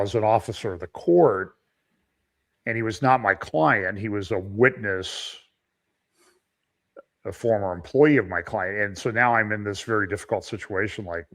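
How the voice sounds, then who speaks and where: Measured lower-voiced man, skeptical host. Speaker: host and lawyer. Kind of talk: conversational commentary.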